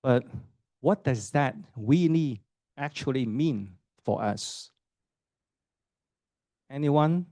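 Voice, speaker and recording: This admissions talk comes from a middle-aged associate professor from Hong Kong, who chats with students and parents, asks them questions, and keeps tacking on fillers and "right?" His medium-pitched, expressive voice is dark in tone and extremely slow, broken by long pauses. There is no echo.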